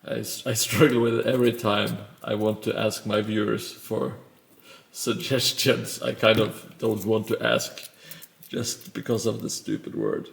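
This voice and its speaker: A Norwegian man chats casually on a live stream while building, his fairly low voice showing vocal fry and fairly even intonation. He rambles and mocks himself, pausing frequently.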